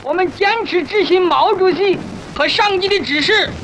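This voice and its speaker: In an old film, an actor with a very high voice plays a resolute revolutionary army commander, delivering a solemn, rousing, declamatory speech at a moderate pace. The soundtrack is dull and old, with faint noise.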